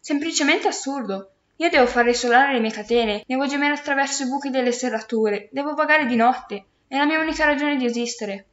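A woman's voice: sits high, brisk, few pauses, fairly bright tone. A woman voicing a centuries-old aristocratic male ghost who is self-pitying and haughty, in a storybook reading. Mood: indignant. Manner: whining, wounded pride. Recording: roomy, dull lo-fi recording.

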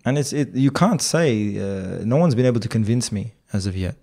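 This podcast co-host has a mid-range, expressive voice that is brisk, creaky, and warm. He talks casually and rambles, stumbling through plenty of fillers and restarts.

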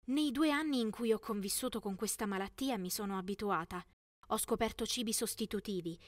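A young woman reads a scripted first-person story as a teenage narrator, clearly and expressively. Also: mid-range voice, no room sound, clean studio sound.

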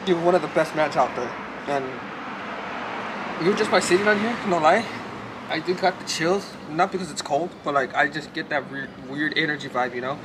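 Shivering with cold, this young man vlogs to camera in a fairly high voice at a fairly quick pace, full of swearing and filler words. A friend films him on a handheld camera as he moves from a city street outdoors to a hotel room, and the background stays noisy with street and room sound.

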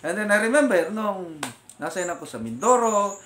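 Older Filipino man, lively roomy testimony. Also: high-pitched, normal speed, a little hiss or hum. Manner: animated storytelling, switching between Tagalog and English. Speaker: vlogger and retired military officer. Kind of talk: casual spoken testimony. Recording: roomy echo.

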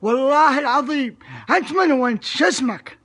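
A man's voice: very high-pitched, brisk, a bit bright. Young man as a furious father. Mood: threatening. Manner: blustering, stammering threats. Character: furious threatening father of a girl. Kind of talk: prank phone call. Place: small indoor room. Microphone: phone camera at arm's length.

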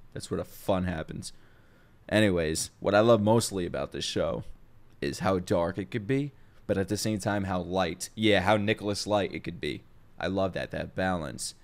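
Young man, low voice, profane reaction commentary. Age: young adult. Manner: profane, slangy. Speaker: host of anime reaction videos. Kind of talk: casual, unscripted reaction commentary. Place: home living room with open kitchen. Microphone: close microphone on boom arm.

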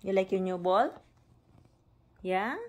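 A woman's voice: medium pitch, takes it slowly, darkish tone. A woman with a Filipino accent filming a casual home vlog on her phone. She coaxes her dog in baby talk and repeats short commands, switching between English and Tagalog. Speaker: family vlogger and dog owner. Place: at home, then in a bathroom bathing the dog. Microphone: phone camera held by the speaker.

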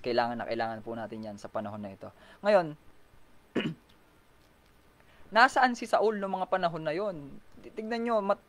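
A man leading an online Bible study sermon, animated, full of rhetorical questions, often clearing his throat. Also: on the high side. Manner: animated, swinging from loud to soft.

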